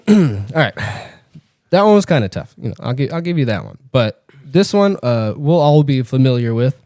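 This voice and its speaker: A man's voice: mid-range voice, big pitch swings, warm tone, no room sound. Dry-sounding man running a quiz. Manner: teasing, spells words out slowly. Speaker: podcast co-host running a quiz game. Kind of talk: casual podcast banter.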